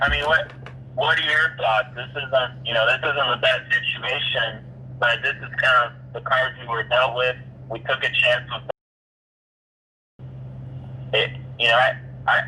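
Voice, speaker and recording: Guy doing real estate agent phone talk, really sharp bright voice, restarts a lot, noisy hum behind him. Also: mid-range voice, fairly even intonation, a little slow. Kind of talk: business phone conversation.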